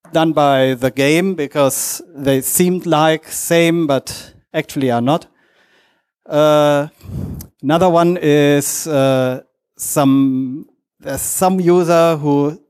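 A man who is not a native English speaker gives a lightning talk presentation in a halting, hesitant way, in short fragments. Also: fairly high pitch, a little mellow. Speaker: conference speaker.

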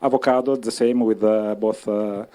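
A man with an Italian accent giving an informal short talk in halting, broken phrases with frequent pauses. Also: lowish voice, fairly even intonation, mellow. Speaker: speaker presenting his project. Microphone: stage microphone.

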